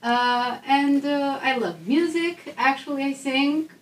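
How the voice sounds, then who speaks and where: A woman's voice: sits high, slow. Young Albanian-accented woman, echoey and distant. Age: young adult. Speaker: student election candidate, guest. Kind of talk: casual interview. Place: echoey room described as a recording studio. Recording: roomy echo, distant mic, faint noise.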